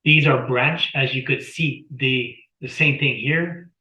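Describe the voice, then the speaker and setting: A man's voice: medium pitch, fairly even intonation, slow pace, bright, forceful tone, roomy sound, poor audio. A man chatting as an interview guest on a video call, rambling, repeating words and telling anecdotes. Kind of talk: casual explanatory talk.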